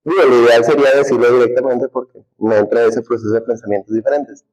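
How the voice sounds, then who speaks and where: A man's voice: mid-range voice, steady tone, fast talker, a little mellow, low-quality recording. A man teaching a humanities class, talking conversationally and putting questions to the students. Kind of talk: classroom lecture.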